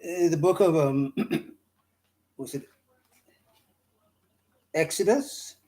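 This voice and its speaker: Slow, halting Bahamian man teaching scripture. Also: fairly high pitch, warm tone. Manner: halting, many fillers and restarts, reads verses slowly. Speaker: Bible teacher. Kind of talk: slow informal scripture study talk.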